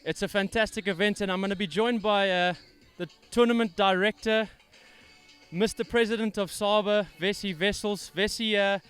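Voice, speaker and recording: Male presenter, breathless, high tenor voice, faint music under him. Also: steady tone, moderate pace, a bit bright, clear, resonant tone. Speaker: host of a live tournament broadcast. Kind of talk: live interview.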